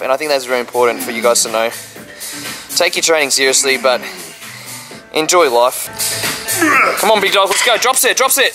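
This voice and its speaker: A young man, a fitness trainer, casually explaining a workout in a gym. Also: medium pitch. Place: large gym, indoors. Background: music.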